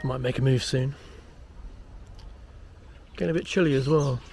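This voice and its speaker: A man's voice: mid-range voice, fairly even intonation, moderate pace, over loud music, close to an everyday voice. A British man acting as a boastful, uneasy amateur ghost hunter, rambling self-importantly to camera in a found-footage horror film. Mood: boastful, nervous. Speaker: paranormal investigator presenting a documentary.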